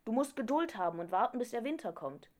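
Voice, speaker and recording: A woman reading a storybook, voicing a chatty, well-traveled talking songbird in a bright, explaining tone. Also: fairly high pitch, expressive, quick pace.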